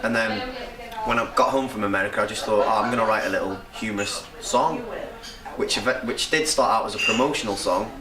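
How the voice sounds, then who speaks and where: Young man, North Wales accent, low-ish voice, rambling chatty answers, crowd noise behind. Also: brisk. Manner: chatty, rambling, laughs often. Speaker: upcoming rapper. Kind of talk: casual interview answers. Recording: echoey room from a distance with crowd noise.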